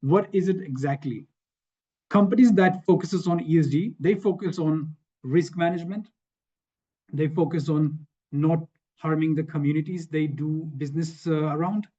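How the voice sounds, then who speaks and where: A man's voice: a little high, normal speed, warm tone. A man from Sweden speaking on an online webinar panel, talking conversationally with slides, often repeating phrases and checking in with "right?". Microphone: video call. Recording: dull lo-fi online call audio.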